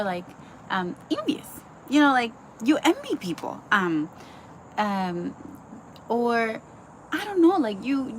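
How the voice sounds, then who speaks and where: Her pitch fairly high, a young Dominican woman teaches the Bible in a casual, earnest devotional, chattering with plenty of likes, ums and restarts. The recording is poor quality with a little hiss or hum.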